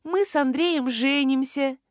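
A woman voicing a bubbly, chattering female friend who gushes in a high, excited voice. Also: a little slow, no room sound, clean studio sound. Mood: chirpy. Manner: gushing, chirpy, high and excited.

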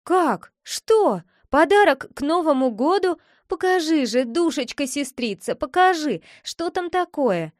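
A woman's voice: high voice, expressive, a little slow, hardly any pauses, no room sound, clean studio sound. A woman voicing a curious young boy who keeps begging his sister to show him a secret, wheedling and insistent. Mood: pleading.

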